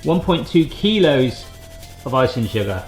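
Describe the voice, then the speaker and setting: A cooking channel host chats and jokes in his home kitchen while explaining each baking step for his vlog. His medium-pitched voice swings widely in pitch, is unhurried and a little mellow. Faint music plays behind him in an echoey room with faint noise.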